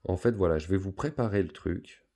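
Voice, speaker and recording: A man's voice: low voice, brisk, mellow. A man teaching a school math lesson, patiently talking pupils through each step of a word problem with many fillers.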